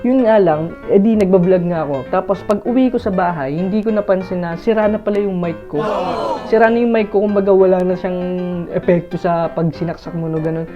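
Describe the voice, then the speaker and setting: Rambling vlogger on a muffled earphone mic. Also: male voice, sits high, a little fast, music in the background. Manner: rambling, full of fillers and restarts, addresses viewers as pals. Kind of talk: casual chatty vlog.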